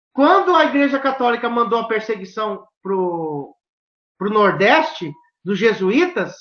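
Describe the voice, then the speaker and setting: Her voice is high with a fairly bright tone as she animatedly recounts stories in a southern Brazilian Portuguese accent, voicing the people she quotes. Questions come out emphatic, and the recording has a dull, roomy, lo-fi echo.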